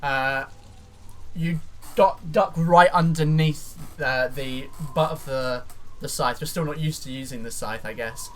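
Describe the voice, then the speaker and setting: A man acting as game master, narrating and refereeing a tabletop roleplaying game in a halting way, rephrasing as he goes. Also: mid-range voice, slight background noise. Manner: halting, often rephrasing mid-sentence.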